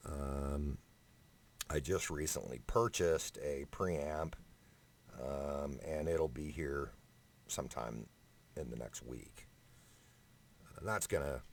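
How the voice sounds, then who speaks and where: With a deep, creaky voice, a man rants casually in a vlog, an amateur singer handing out audition advice. Blunt, emphatic and sweary, he speaks from close range into a condenser microphone that has no preamp.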